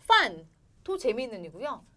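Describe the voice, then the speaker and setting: A woman teaches English on a studio program, with a high voice that leaps around animatedly. She is playful, laughs often, and keeps turning to speak directly to her audience. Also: very animated, unhurried, a bit bright. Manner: playful, addresses viewers often, laughs a lot.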